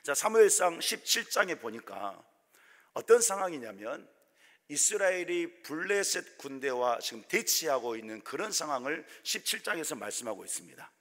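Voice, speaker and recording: A man preaching a sermon as a pastor, telling a story with animated delivery and acting out the scenes. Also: a little high, moderate pace. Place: church sanctuary. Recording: echoey church hall.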